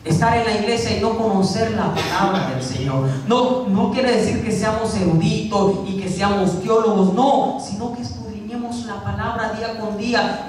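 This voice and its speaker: A man's voice: high voice, very echoey, distant mic, poor audio. A man preaching a sermon as pastor, repeating key lines and acting out quotes. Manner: preaching with repetition and acted-out quotes. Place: church.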